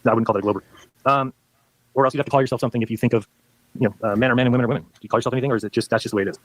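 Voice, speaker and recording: A man's voice: mid-range voice, fairly even intonation, very fast, no room sound, poor audio. A man arguing his side in a debate, insistent and lecturing. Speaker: debater in a played debate video. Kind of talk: debate argument.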